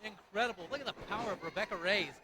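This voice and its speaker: A man's voice: sits high, very fast, noisy background. A man doing live wrestling color commentary, adding emphatic analysis and exclamations.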